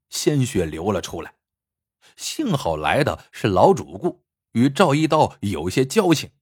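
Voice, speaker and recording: A man telling a folk story in an animated, theatrical way, voicing it with plenty of expression. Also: medium pitch, breathy edge, no room sound, clean studio sound.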